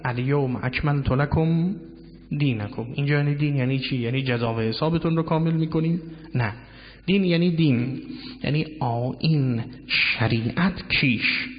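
A man giving a measured lecture on word origins, drawing out key words and reciting Arabic phrases. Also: mid-range voice. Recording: dull lo-fi sound with long hall reverb.

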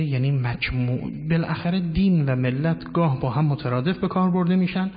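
A man giving a measured lecture on word origins, drawing out key words and reciting Arabic phrases. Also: medium pitch. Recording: dull lo-fi sound with long hall reverb.

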